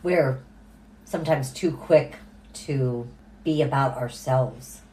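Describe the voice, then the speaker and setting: A woman with an unusually deep, low-pitched voice co-hosts a faith podcast. She talks calmly and reflectively, often affirming her partner. Her tone is that of casual conversation. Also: slow, poor audio. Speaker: podcast co-host.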